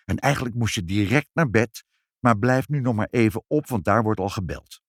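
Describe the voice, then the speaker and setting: A man voicing a gruff, grumbling father in a children's story. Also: lowish voice, expressive, normal speed, dry recording, clean studio sound. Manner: grumbling, stern.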